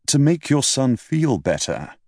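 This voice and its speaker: A man in his thirties voicing an earnest young physician, a caring son with a brisk manner. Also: mid-range voice, sing-song, darkish tone, no room sound, clean studio sound, pitched above the performer's own voice. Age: 30s.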